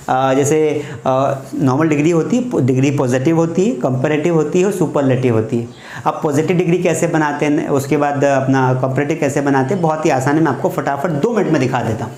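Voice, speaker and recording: A male teacher giving a casual grammar lesson, explaining slowly and repeating key words as quiz questions. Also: fairly high pitch, darkish tone. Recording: echoey room, faint background noise.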